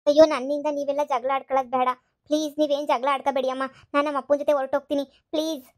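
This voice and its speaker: A woman's voice: sits high, little pitch movement, rapid-fire, a little mellow, close to an everyday voice. A woman voicing a scheming young fake daughter who pleads tearfully. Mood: pleading. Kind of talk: cartoon voice acting.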